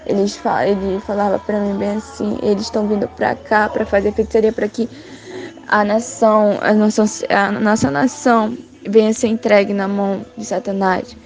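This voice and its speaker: A young woman from Brazil giving a spoken church testimony of a vision, halting and repetitive with many restarts. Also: mid-range voice, darkish tone. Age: young adult.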